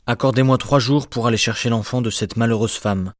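A man voicing a grave, resolute former convict turned mayor, speaking sternly and calmly in a dramatized audiobook. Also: mid-range voice, fairly quick, no echo, clean studio sound, close to an everyday voice. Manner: stern, then grave and calm.

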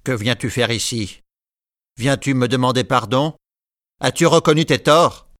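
A man's voice: on the high side, slow pace, vocal fry, sharp tone, voice pushed up, exaggerated voice. A man reading a classic novel aloud and voicing a proud, stern old grandfather who speaks in curt, harsh questions.

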